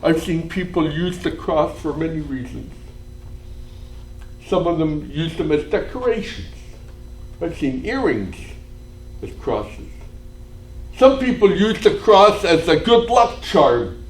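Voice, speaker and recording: A man, a priest, telling a story in a retreat sermon, dropping to a hush and rising to shouts. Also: fairly high pitch. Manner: dramatic storytelling, swings from hushed to shouting. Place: cathedral. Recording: echoey church hall, faint room noise.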